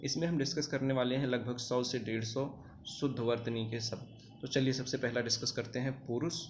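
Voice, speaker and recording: Male exam-prep tutor, Hindi accent, mid-range voice, drilling tone, faint background noise. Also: medium pitch. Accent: Hindi, North Indian. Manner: repetitive, drilling, reminding students to remember. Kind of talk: online spelling lesson.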